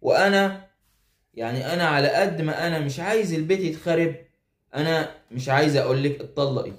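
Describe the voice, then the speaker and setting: A man's voice: on the high side, fast. A man with an Egyptian accent who hosts an advice show. He reads a listener's letter aloud, then gives earnest, hesitant advice full of filler words. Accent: Egyptian Arabic. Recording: roomy echo.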